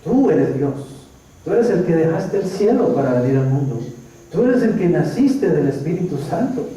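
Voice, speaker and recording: A man with a Colombian accent preaching a sermon as pastor, moving between quiet tender asides and loud rising questions to the congregation. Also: a little high, big pitch swings, moderate pace. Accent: Colombian Spanish. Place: church hall. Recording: very echoey church hall, from a distance, faint hum.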